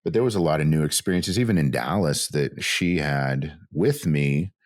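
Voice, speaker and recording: A middle-aged man from the American Southwest, with roots in West Texas and New Mexico, co-hosts a casual talk show podcast with his wife. He speaks in a bass voice, slow, reflective, and thoughtful, with restarts. The recording is studio quality with no room sound.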